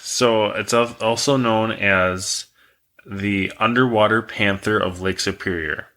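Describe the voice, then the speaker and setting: Guy with a lowish bright voice, laid-back podcast storyteller, kinda rambly. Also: slow pace. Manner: relaxed, rambling, reads facts aloud. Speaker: podcast co-host telling the story.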